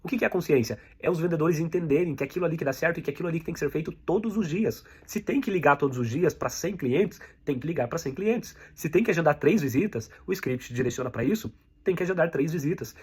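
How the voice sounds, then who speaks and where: Fast-talking husky Brazilian sales coach. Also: male voice, a little high. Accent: Brazilian Portuguese. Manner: direct, repetitive coaching, addresses the viewer as you. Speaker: sales instructor. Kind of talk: online sales lesson.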